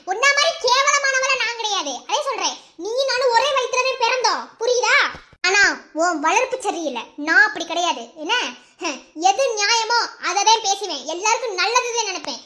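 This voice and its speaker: A woman's voice: very high voice, lively intonation, brisk, sharp tone, heavily acted. A woman voicing a stern, lecturing young collector. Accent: Madurai Tamil. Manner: lecturing, firm and contemptuous. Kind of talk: cartoon dub acting.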